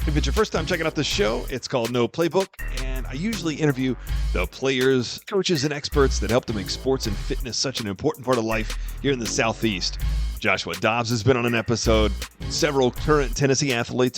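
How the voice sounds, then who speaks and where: A man hosting a podcast, giving a chatty, upbeat intro with playful self-deprecating asides. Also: mid-range voice. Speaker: podcast host. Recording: music bed underneath.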